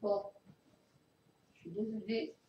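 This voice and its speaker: A woman speaks slowly in a soft, mellow voice, full of fillers and little apologies as she shows off her records. She gets excited and laughs often, her voice drifting near and far from the camera mic. A faint hiss sits under the recording. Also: medium pitch, muffled recording. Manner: hesitant, many fillers and apologies. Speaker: record collector showing vinyls. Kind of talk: casual unboxing vlog.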